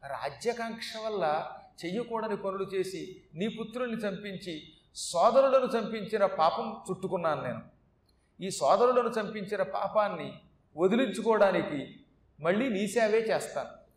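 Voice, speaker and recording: A scheming male god who turns humble and imploring, begging at a mother's feet, as a storyteller puts him on. The voice sits high, and the words ring in an echoey room. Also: lively intonation, normal speed, far from the mic. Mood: pleading.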